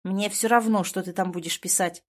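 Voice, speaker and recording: A woman's voice: medium pitch, fairly even intonation, moderate pace, darkish tone, close to an everyday voice. A woman voicing a blunt, irritated young man in an audiobook, speaking in a curt, exasperated way. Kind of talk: audiobook character voice.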